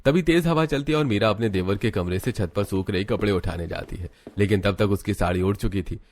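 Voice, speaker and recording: Guy narrating a cartoon story, steady and plain, lowish voice. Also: brisk.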